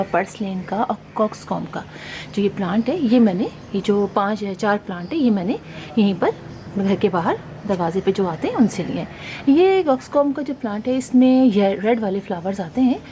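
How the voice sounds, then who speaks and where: A woman's voice: mid-range voice, mellow, poor audio. A middle-aged woman, chatting casually and rambling with many fillers as she shows her new plants. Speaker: gardening vlogger. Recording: faint background noise.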